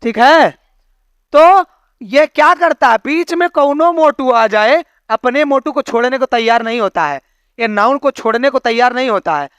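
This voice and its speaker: High-voiced man teaching a grammar class. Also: expressive, moderate pace, a bit bright, smooth, no echo, clean studio sound. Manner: explains with homely analogies, keeps checking understanding with questions. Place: classroom with students.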